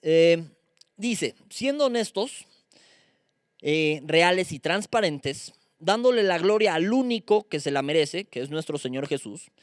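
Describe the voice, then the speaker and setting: A woman gives a conversational Bible study, slowly spelling out Greek words and sometimes groping for a word. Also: fairly low pitch, expressive, dry recording, clean studio sound. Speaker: Bible teacher.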